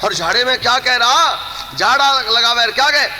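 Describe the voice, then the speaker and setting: A man's voice: extremely high pitch, normal speed, long reverb tail, slight background noise, rough recording. A man telling a folk tale and preaching, acting out voices and breaking into sung refrains. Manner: animated, acts out voices and breaks into song. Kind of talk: Haryanvi kissa storytelling with sung refrains.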